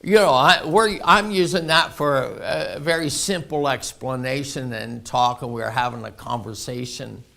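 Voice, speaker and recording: A man's voice: mid-range voice, moderate pace, vocal fry, hardly any pauses, a bit bright. A man preaching a folksy sermon full of anecdotes. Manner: folksy, anecdotal, laughs often. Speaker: pastor.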